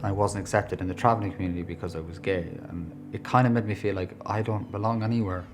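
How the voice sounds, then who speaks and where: A man's voice: low voice, steady tone, fast talker, background noise. A man with an Irish accent, reflecting candidly on his life in a documentary interview. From Ireland.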